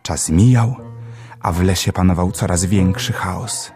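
A man narrating a children's storybook in a gentle, expressive reading. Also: sits low, a little slow, faint music behind. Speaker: audiobook narrator.

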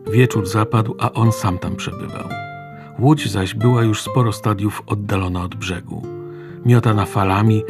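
A man reading a Gospel passage aloud in a measured, solemn way. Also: on the low side, vocal fry. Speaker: scripture reader. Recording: music bed under voice.

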